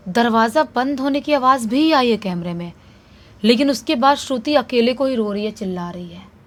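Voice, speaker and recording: A woman casually retelling a true horror story in an animated, conversational way. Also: fairly high pitch.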